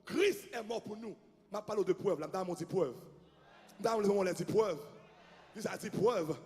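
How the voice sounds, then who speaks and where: Pastor, male, high gravelly voice, chanting and shouting a sermon in a long-echo hall. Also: measured pace. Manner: impassioned, half-sung preaching with shouted cries. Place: large church hall. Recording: long church reverb with music behind.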